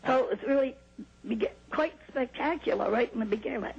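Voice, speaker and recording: An older woman from New Hampshire calmly recounting a personal experience in an interview, heard on an old VHS tape. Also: fairly high pitch, brisk, gravelly, highs cut off, slight background noise. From New Hampshire, USA. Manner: calm, plain storytelling with small laughs and restarts. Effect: old VHS tape sound. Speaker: interview guest.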